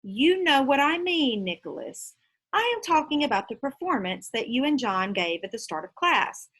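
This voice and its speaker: Woman as strict lady teacher, storybook, deliberate, authoritative, raised pitch, strong intonation. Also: big pitch swings, a bit bright, slightly rough, heavily acted. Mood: stern. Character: stern, shrewd female schoolteacher.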